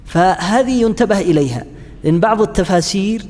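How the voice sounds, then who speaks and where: A man teaching a class on Quranic interpretation, pausing often with fillers and restarts and asking his students questions. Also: high voice, darkish tone, in a large hall. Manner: halting, frequent fillers and restarts, chats with students. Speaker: Islamic studies lecturer.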